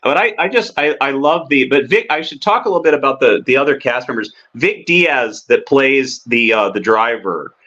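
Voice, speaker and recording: A man co-hosting a movie podcast, chatting casually and enthusiastically in a rambling, halting way with repeated words. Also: medium pitch, animated, sharp tone, dull audio. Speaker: film podcast co-host. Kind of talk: casual chat about cult movies.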